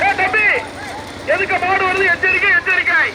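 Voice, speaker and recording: A man calling out a race over a loudspeaker, loud and chanting, repeating the names of the entries. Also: very high voice, flat delivery, normal speed, over a noisy crowd. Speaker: race announcer. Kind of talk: live race commentary, listing entries. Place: outdoors at a bullock cart race. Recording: loud vehicle noise outdoors.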